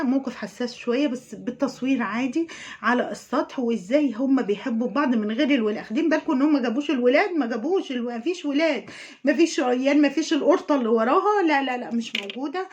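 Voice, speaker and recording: High-voiced Egyptian woman, indignant sarcastic commentator, slightly dull recording. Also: very fast, darkish tone. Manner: mocking, scolding, indignant. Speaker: YouTube commentator.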